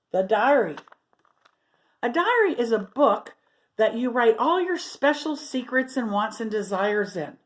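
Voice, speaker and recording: Here a woman tells a story to children, reading with expression and pausing to pose questions and make asides to the kids. Her pitch leans high.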